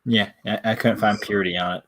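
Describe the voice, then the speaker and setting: A man's voice: lowish voice, steady tone, quick pace, fairly bright tone. A man with a Tennessee accent chats casually and folksily on a live sales stream, a bit self-deprecating. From Tennessee, USA. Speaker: coin seller.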